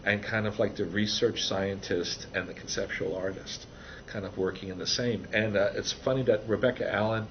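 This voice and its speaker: An older man with a fairly low voice talks through a casual interview, circling back with fillers and restarts as he explains his ideas. The recording is a little dull, with a faint hiss behind him. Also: steady tone, normal speed. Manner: rambling, many restarts and fillers. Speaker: interviewee, author of a book on computer animation. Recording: dull, slightly noisy recording.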